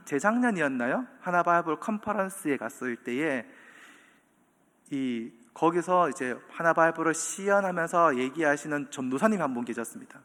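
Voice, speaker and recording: Lively pastor preaching in a hall. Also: male voice, fairly high pitch. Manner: animated storytelling with acted quotes and chuckles. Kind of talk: sermon. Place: church sanctuary. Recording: long church hall reverb.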